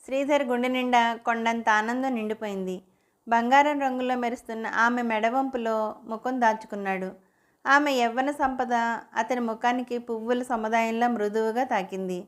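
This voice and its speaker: A woman reading a romantic story aloud in a steady, even narration. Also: fairly high pitch.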